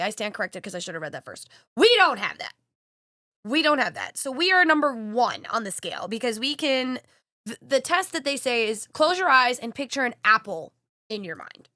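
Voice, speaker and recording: Femme co-animatrice, franche et grossière, voix claire et vive, son sec. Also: female voice, on the high side, sharp tone, dry recording, studio quality. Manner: blunt, swears, reads aloud. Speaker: podcast co-host. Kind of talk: casual chat.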